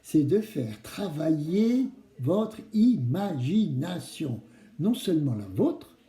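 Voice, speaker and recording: A man's voice: a little high, sing-song, slow, dark tone. A man hosting a kids show, speaking to children with simple, coaxing explanations and questions. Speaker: children's craft show host. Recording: roomy, echoing room.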